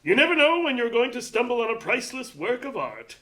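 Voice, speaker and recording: A man's voice: very high-pitched, sing-song, brisk, sharp tone, exaggerated voice. An actor playing a pompous, vain male associate museum director in an audio drama. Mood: smug. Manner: pompous, indignant.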